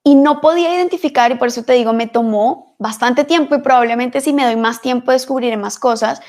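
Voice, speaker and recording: A woman's voice: high-pitched, a little fast, a little mellow. A woman giving an earnest, reflective spiritual talk to camera, repeating phrases for emphasis.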